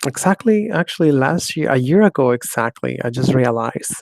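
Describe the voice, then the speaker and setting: A woman's voice: a bass voice, lively intonation, normal speed, gravelly, darkish tone, no echo. A woman in her fifties hosting her own talk show in a rambling, scornful solo monologue full of "you know". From Mexico. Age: 50s. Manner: scornful, ranting.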